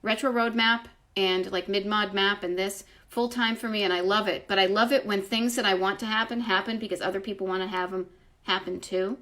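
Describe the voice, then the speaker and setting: Her voice medium-pitched, steady, pushed and bright, a livestream host talks a little fast while responding to live comments from her home. She's a retro travel writer with a slight Boston accent who rambles effusively and keeps interjecting emphatic asides.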